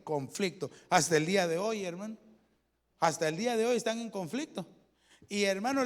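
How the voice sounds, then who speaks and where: A man's voice: a little high, big-room sound. A man preaching a sermon as pastor, talking to the congregation like a brother, asking rhetorical questions and explaining the meaning of Hebrew words. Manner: conversational preaching, addresses "hermano", asks rhetorical questions. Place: church.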